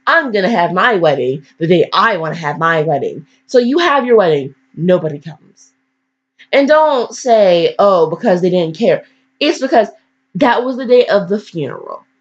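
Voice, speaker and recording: A woman host reads fan fiction aloud and rambles through blunt, slangy, digressive commentary, sometimes mock-scolding. Her fairly low voice has a sing-song lilt at a normal pace, captured in a dull, lo-fi recording.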